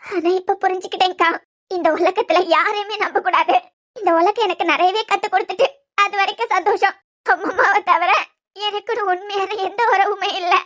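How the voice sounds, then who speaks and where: A woman voicing a quick-witted young wife in a cartoon web series, with a Kanyakumari Tamil accent and sharp, bickering retorts. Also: very high voice, fairly even intonation. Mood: banter.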